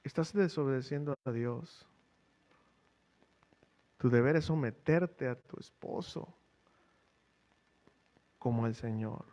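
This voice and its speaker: A man's voice: mid-range voice, slow pace, pauses often, darkish tone. A middle-aged man preaching a sermon, questioning the congregation in a conversational way. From Mexico. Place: church.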